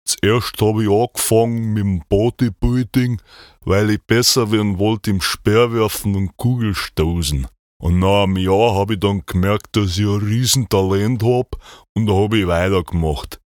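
A man's voice: on the low side, normal speed, darkish tone, no room sound, studio quality, natural voice. A man playing a boastful, matter-of-fact champion bodybuilder. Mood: proud.

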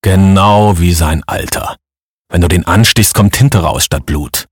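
A man voicing a coarse, blustering middle-aged village man who mocks loudly in a husky voice. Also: sits low, a little slow, no echo, clean studio sound. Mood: dismissive. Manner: blustering, mocking, raised voice.

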